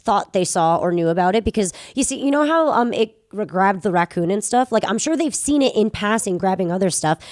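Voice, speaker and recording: A woman in her twenties co-hosting a podcast, chatting casually, excitable and swearing freely. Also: mid-range voice, a little fast, hardly any pauses, no echo, clean studio sound. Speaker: podcast co-host. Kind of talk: casual chat.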